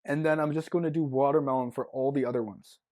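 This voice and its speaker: A podcast co-host chats casually, talking fast in a medium-pitched, darkish voice with a steady tone. He rambles while thinking aloud, stuffing his speech with fillers, especially "like."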